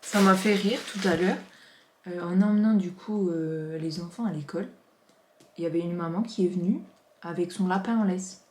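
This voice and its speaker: Chatting through an unboxing in her home office, a vlogger in her thirties sounds warm and gushing, full of exclamations and easy asides. She talks at a normal speed in a slightly low voice. The room echoes noticeably, with slight background noise.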